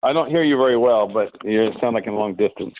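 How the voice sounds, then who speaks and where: A man's voice: fairly low pitch, fairly quick, no echo. A man calling in to a talk show over a phone line on speakerphone, chatting casually and rambling with restarts. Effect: heard over a phone line on speakerphone. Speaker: caller. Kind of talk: casual call-in chat. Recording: muffled dry phone line.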